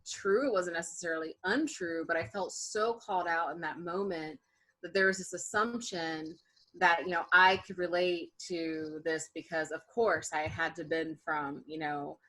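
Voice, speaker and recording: A woman on a panel, telling a story in an animated way, laughing and restarting her sentences. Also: fairly low pitch, moderate pace.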